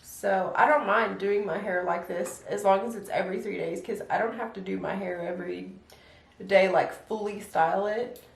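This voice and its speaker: Young mom chatting thru her hair routine, kinda gravelly, echoey room a bit away from the mic. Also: mid-range voice, moderate pace, distant mic. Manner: chatty, relaxed, step-by-step how-to with lots of "like". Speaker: stay-at-home mom vlogger. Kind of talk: casual get-ready-with-me vlog chat.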